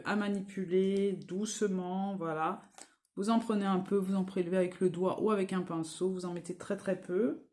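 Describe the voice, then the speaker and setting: Slow, low-voiced woman vlogger. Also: darkish tone. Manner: slow, hesitant, with many fillers and restarts. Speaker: beauty vlogger. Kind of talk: casual makeup product show-and-tell.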